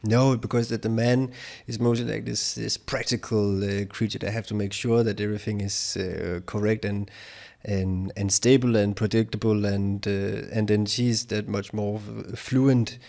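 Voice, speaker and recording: A man's voice: lowish voice, flat delivery, normal speed, vocal fry, darkish tone. A man hosting a therapy-style interview, asking probing questions while searching for words with many fillers. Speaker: podcast host and interviewer.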